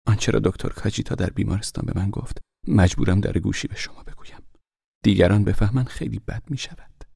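A man voicing an anxious middle-aged wife in a whispered role-play, hushed and urgent. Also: lowish voice, vocal fry, husky, no echo, studio quality, voice pushed up, full character voice.

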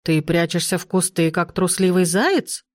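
A woman voicing an imperious, sharp-tongued old duchess grandmother in an audiobook, in a commanding, dry manner. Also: lowish voice, moderate pace, dry recording, natural voice. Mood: stern. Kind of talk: audiobook character reading.

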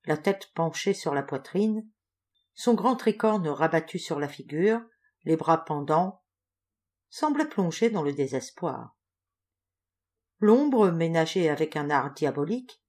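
A woman narrating a literary audiobook, her voice sitting slightly low. She reads expressively and dramatically, leaning into the tension of the tale. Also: darkish tone. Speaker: volunteer audiobook reader.

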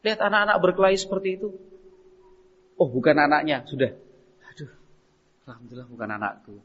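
Animated preacher in an echoey mosque. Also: male voice, on the high side, fast talker. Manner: animated storytelling, acting out everyday dialogues. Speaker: Islamic preacher. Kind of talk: sermon. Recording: dull, echoey mosque recording.

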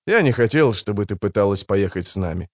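A man's voice: lowish voice, lively intonation, brisk, no echo, studio quality, voice pushed down, lightly acted. A man voicing a weary male monster hunter in an audiobook, speaking curtly and guardedly. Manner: curt, guarded, few words. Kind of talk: audiobook character reading.

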